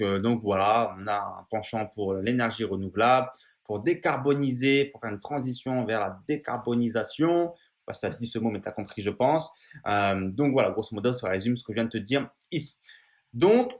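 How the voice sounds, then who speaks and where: Casual guy talking stocks to his viewers, lots of ums and restarts. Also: mid-range voice. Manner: chatty, informal, many fillers and restarts; addresses viewer familiarly. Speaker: finance YouTuber. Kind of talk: casual explainer video.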